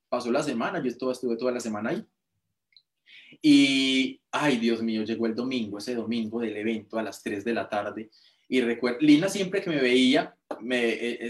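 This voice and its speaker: Emotional Colombian man telling his story. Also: mid-range voice. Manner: emotional, repetitive, animated. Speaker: motivational speaker. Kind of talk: personal testimony storytelling.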